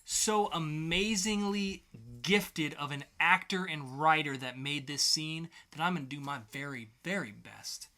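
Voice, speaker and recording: A man with a slightly high, pushed and bright voice speaks at a measured pace. He co-hosts a casual comics podcast, chatting through comic reviews with a theatrically sarcastic, mock-grandiose delivery.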